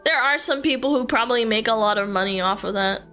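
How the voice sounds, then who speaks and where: A woman's voice: on the high side, quick pace, pushed and bright, faint music behind. A woman speaking casually and bluntly in a played-back video clip. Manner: blunt and offhand. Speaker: commentator in a reacted clip. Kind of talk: casual opinion talk.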